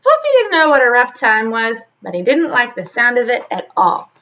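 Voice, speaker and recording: A woman's voice: on the high side, wildly swooping pitch, normal speed, pushed and bright, dull audio. A woman reading a children's story aloud expressively, like a teacher, adding chatty asides straight to her young listeners.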